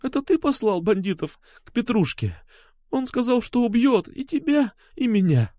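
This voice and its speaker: A man's voice: high voice, very animated, normal speed, dark tone, no room sound, pitched above the performer's own voice. A man reading an audiobook, voicing a frightened young woman who speaks through tears and pleads. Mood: frightened pleading. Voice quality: tearful, pleading.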